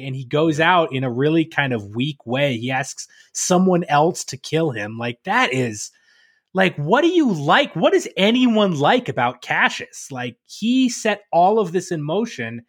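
A man co-hosting a casual podcast chat about a play, talking in lively bursts and reading verse aloud with loud drama. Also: a little high, measured pace, slightly rough. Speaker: podcast co-host.

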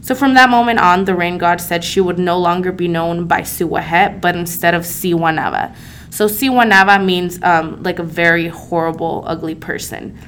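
A woman's voice: fairly low pitch, normal speed, fairly bright tone. A young woman from El Salvador, a podcast co-host, telling folk legends in a casual, conversational way with many fillers. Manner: conversational, frequent um and you know fillers. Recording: faint background noise.

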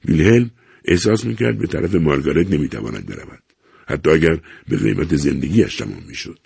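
Man narrating an audiobook, very deep, gravelly, husky, dry close sound, grave and unhurried. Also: big pitch swings, darkish tone, no echo.

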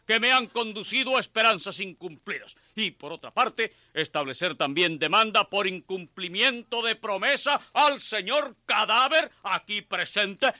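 A pompous undertaker who talks about death as a lovely rest. He speaks in solemn, flowery phrases, with a bright, ringing tone that swings widely in pitch. The radio comedy sound is dry and close. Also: expressive, measured pace, few pauses, no echo, exaggerated voice. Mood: indignant. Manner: solemn, flowery, theatrical delivery. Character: pompous, morbid male undertaker hungry for customers.

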